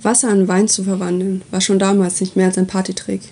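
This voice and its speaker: A woman voicing a patient, wry male god who calmly explains and lectures in a story reading. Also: mid-range voice, slightly rough, lightly acted. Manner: calm, unhurried, explaining.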